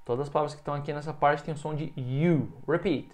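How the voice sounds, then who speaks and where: A man teaching English in in an online lesson, explaining a rule and then saying example words slowly for the learner to repeat. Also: fairly high pitch, steady tone, a little mellow. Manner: checks in often with quick casual asides. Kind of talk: recorded online language lesson.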